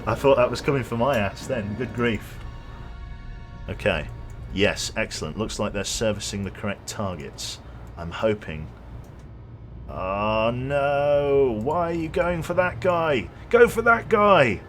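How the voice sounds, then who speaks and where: Soft music sits behind a young man's mid-range, animated voice as he streams a game at a measured pace. It's casual live-stream talk, full of rambling, reading chat aloud and joking with viewers.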